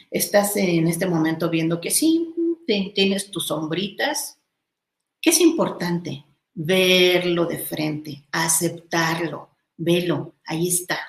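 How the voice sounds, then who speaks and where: A woman giving a slow, reflective motivational talk, asking the listener many questions and acting out their inner doubts. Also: on the low side, vocal fry, echoey room, rough recording. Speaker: self-help speaker.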